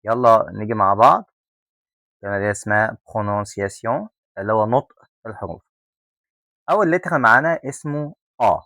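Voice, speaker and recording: A man's voice: on the low side, bright, forceful tone, no echo. Young Egyptian male teacher, patient repeat-after-me drilling, dry close sound. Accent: Egyptian Arabic. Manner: drills letters slowly with repetition, joking asides. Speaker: French teacher. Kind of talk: spoken pronunciation lesson.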